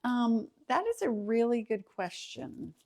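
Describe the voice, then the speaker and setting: A woman's voice: on the high side, big pitch swings, unhurried, a little mellow. Chatty woman reading viewer comments. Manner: chatty, with many ums, reads comments aloud. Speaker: host of a home and kitchen channel. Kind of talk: casual livestream chat reading viewer comments. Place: at home.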